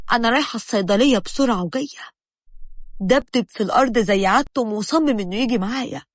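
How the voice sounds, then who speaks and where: A woman's voice: on the high side, no room sound, clean studio sound. A woman with an Egyptian accent telling a dramatic first-person story. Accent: Egyptian Arabic.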